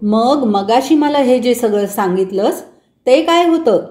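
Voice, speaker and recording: Woman doing the calm mom voice, gentle lecturing, mellow, echoey. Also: a little high, a little slow. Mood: questioning. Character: patient caring mother, gently scolding her son. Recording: roomy echo.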